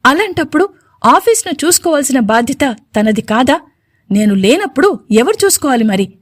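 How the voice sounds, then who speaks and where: A man's voice: very high voice, no room sound, studio quality. A woman voicing an arrogant, short-tempered young male CEO in a storybook, speaking curtly. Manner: curt, irritated.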